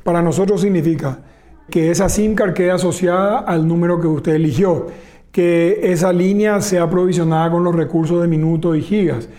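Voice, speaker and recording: Man, high voice, mellow tone, methodical business explainer. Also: steady tone, normal speed. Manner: explains point by point, enumerating pillars. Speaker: telecom executive guest.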